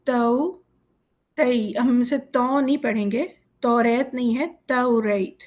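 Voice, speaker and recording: A woman teaching Quran reading in a slow, clear lesson, sounding out syllables one by one and patiently explaining the rules step by step over a video call. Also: on the high side, a little mellow.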